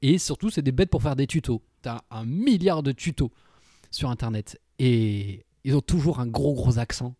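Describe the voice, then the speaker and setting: Laid-back young guy, dark dry voice. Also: medium pitch, normal speed, dry recording. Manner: relaxed, slangy, hesitant with many fillers. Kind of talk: casual chat between friends.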